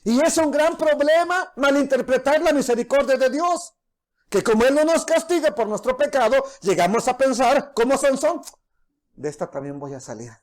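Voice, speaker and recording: A man's voice: very high-pitched, moderate pace. Guy preaching, earnest, trips over words and starts again. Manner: earnest preaching with frequent restarts, acts out soft quoted voices. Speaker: pastor. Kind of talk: sermon.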